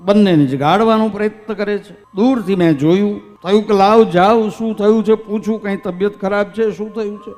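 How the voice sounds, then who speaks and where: Man, Gujarati accent, devotional sermon, chanted verses, reverberant hall, soft music underneath. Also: high voice, moderate pace, few pauses. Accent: Gujarati, from Saurashtra. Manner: recites verses in a singing lilt, then explains them plainly. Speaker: religious storyteller.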